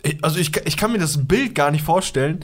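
A man's voice: a little high, expressive, quick pace. A man hosting a casual chat, teasing his guest in blunt, crude banter.

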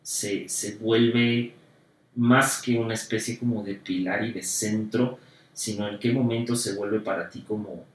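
A man's voice: fairly low pitch, steady tone, measured pace, a little hiss or hum. A man, interviewing in a casual conversation about faith, reflective and hesitant with many fillers. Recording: roomy echo, distant mic.

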